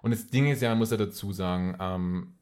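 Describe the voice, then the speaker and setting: A man's voice: lowish voice, fairly quick, a little mellow. A man with an Austrian accent talking casually and personally as an interview guest, repeating phrases for emphasis.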